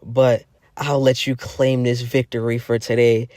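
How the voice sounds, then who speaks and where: A man voicing an arrogant young sorcerer, hurt but haughty, making threats in a dry, close voice with no room sound, middling pitch. the figure stays close to the storyteller's own voice. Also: level tone, a little slow, a little mellow, no room sound, close to an everyday voice.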